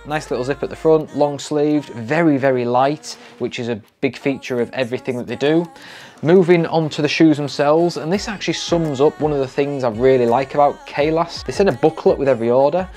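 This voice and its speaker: A man's voice: on the high side, fairly quick, darkish tone, soft background music. A young British man casually reviewing gear to camera in a small room at home. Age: young adult. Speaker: trail running vlogger.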